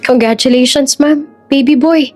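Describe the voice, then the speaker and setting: Female narrator playing a young nurse, high and pushy, encouraging, audio storybook. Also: animated, moderate pace, darkish tone, faint music behind. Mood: kind. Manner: high urgent coaching voice.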